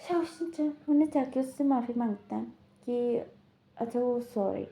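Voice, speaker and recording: A woman's voice: a little high, moderate pace, warm tone. A woman casually retelling a drama's plot in a rambling way, full of filler words. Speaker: storyteller.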